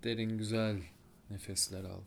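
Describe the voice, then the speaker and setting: A man leading a guided full-moon meditation, giving slow, soft-spoken breathing and relaxation instructions with long pauses. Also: on the low side, little pitch movement, vocal fry, a little hiss or hum.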